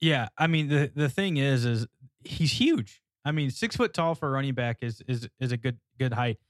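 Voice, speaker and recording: A man talking casually on a sports podcast, prone to laughter and restarts. His voice sits at an everyday pitch. The sound is dry and close, with no room around it. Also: normal speed, no echo. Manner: chatty, laughs often, repeats words. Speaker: podcast co-host.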